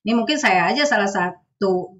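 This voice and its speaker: Woman, webinar speaker, explanatory, mid-range pitch, dull lo-fi call audio. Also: lively intonation, moderate pace. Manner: explanatory, sprinkles speech with soft tag phrases. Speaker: guest speaker on counseling. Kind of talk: webinar talk.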